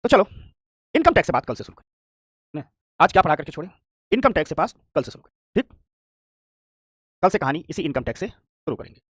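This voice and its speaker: Fast, animated male economics teacher. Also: on the high side, slightly rough, no room sound, studio quality. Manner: fast, lively, repeats "ठीक" and checks understanding; acts out complaining shopkeepers. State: tired from standing. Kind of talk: classroom lecture.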